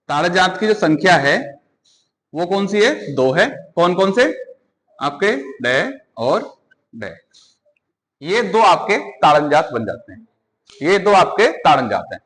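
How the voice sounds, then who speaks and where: A male teacher with a north Indian Hindi accent who gives a grammar lesson, asks the class questions, answers them himself and repeats sounds slowly. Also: sits high, a bit bright, rough recording.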